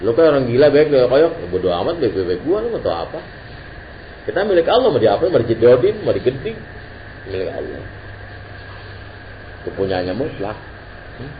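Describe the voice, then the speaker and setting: A man's voice: mid-range voice, a little fast, pauses often. Man teaching a religious lesson. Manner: casual Jakarta-slang preaching, lively and joking. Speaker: Islamic teacher. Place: religious gathering hall. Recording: dull lo-fi recording with faint hiss.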